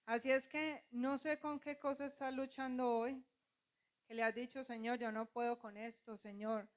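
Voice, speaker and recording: High-voiced woman pastor preaching. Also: steady tone, moderate pace. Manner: preaching with call-and-response, acting out quoted voices. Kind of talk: sermon.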